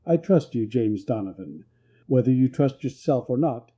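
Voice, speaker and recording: A determined young frontier herbalist woman, earnest and steady, read by a man. The voice stays deep and dark, barely lifted from the storyteller's own. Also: moderate pace, natural voice.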